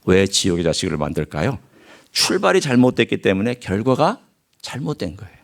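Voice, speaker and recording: A male pastor preaching a sermon in church, swinging from loud emphasis to hushed asides and acting out quoted voices and dialect. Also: on the low side, very animated, fairly quick, creaky. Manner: acts out quoted speech and regional dialect phrases. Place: church sanctuary.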